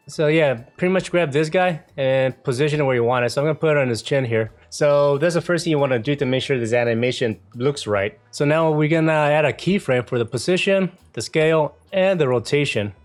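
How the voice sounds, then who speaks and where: Casual man teaching video editing over music. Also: fairly high pitch. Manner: informal, checks in often with "right?". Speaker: video editing tutorial presenter. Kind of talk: casual screen-recorded software tutorial.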